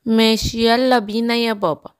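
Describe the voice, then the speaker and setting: A woman voicing an eager young girl in a children's cartoon story, with an Egyptian Arabic accent and a lively, pleading childlike manner. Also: a little high, a little fast, smooth, no echo, clean studio sound, lightly acted.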